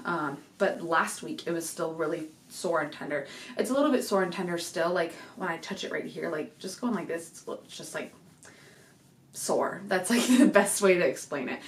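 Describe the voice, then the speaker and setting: This casual pregnancy update comes from a young home vlogger speaking at a moderate pace in a lowish, expressive voice. Slightly out of breath and full of fillers, she rambles on; her desk mic catches an echoey room and a little background noise.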